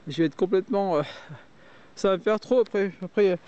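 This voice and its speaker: A man's voice: sits high, quick pace, darkish tone, clean tone, lo-fi sound. A middle-aged man from Auvergne vlogging casually about a bike ride, blunt and swearing as he talks, with a heavy cold. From Auvergne, France. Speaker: cycling vlogger. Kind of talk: casual vlog narration.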